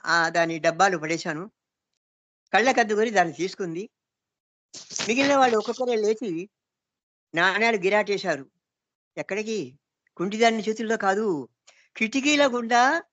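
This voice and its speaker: A woman's voice: mid-range voice, a bit bright, dry recording, dull audio. A woman narrating a story in the first person, reflective and earnest, often asking rhetorical questions.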